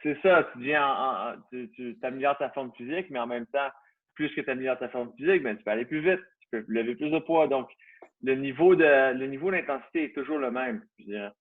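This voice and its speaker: A man in his thirties, a CrossFit gym owner with a Canadian French accent, speaks brisk and medium-pitched as a guest in a casual interview. He is hesitant and restarts many times. The recording has a tinny, telephone quality.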